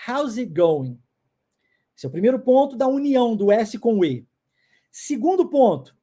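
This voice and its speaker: In this video lesson, a Brazilian man in his forties, an English teacher who founded a language school, insistently drills English phrases by repeating them. His voice is very high-pitched with a dark tone, and his delivery is emphatic.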